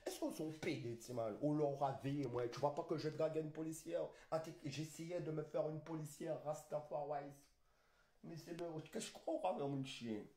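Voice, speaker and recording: A man's voice: a little high, fairly even intonation, normal speed, dark tone, roomy sound, a little hiss or hum. A man streaming live, ranting in a rambling, insulting way with garbled phrasing. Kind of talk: street livestream rant.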